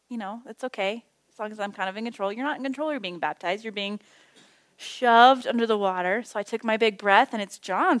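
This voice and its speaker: A woman's voice: medium pitch, fairly bright tone, no echo. Chatty woman teaching a Bible study. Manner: chatty, self-deprecating, storytelling with asides. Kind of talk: casual teaching talk. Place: small indoor group meeting.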